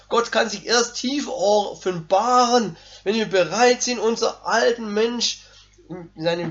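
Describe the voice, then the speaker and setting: A man preaching a sermon, talking emphatically and building to forceful exclamations. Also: high voice, gravelly. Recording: dull lo-fi recording.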